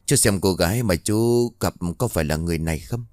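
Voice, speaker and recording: Man reading as a heartbroken mother, low and dry, plain delivery. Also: brisk, darkish tone, dry recording, natural voice. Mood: grieving. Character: grieving middle-aged village mother.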